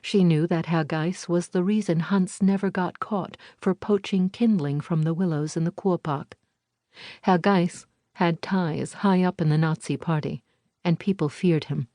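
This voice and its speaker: A woman reading a historical novel aloud in a measured, even storytelling manner. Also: on the low side, no echo, studio quality. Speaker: audiobook narrator. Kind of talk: scripted narration. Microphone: close studio mic.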